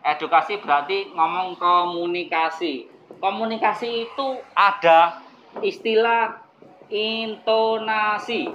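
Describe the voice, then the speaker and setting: A man's voice: high-pitched, a bit bright, a little hiss or hum. Male seminar trainer, chatty, muffled lo-fi recording. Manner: chatty, acts out sales dialogues. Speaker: property marketing trainer. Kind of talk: casual seminar teaching.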